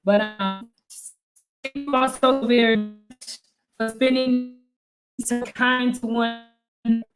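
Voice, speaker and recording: A woman's voice: on the high side, steady tone, slow pace, over music. A woman hosting a live stream, speaking earnestly and repeating her points for emphasis. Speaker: livestream host.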